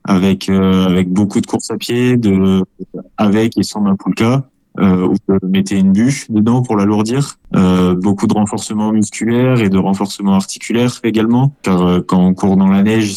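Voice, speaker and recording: A man's voice: fairly low pitch, steady tone, moderate pace, warm tone, dry recording. A man in his twenties from France, an ultra-trail runner answering interview questions with many hesitations and restarts. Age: 20s.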